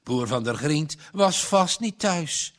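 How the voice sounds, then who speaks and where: A man reads a village story aloud in a slow, measured style. His voice sits a little high for a man. The delivery stays calm and even. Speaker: narrator. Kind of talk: audiobook narration.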